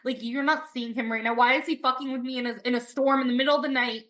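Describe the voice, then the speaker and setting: A young woman hosts a podcast in a high, slightly bright voice with fairly even intonation and a quick pace. She rambles through casual chat and stories, saying "like" constantly and swearing freely.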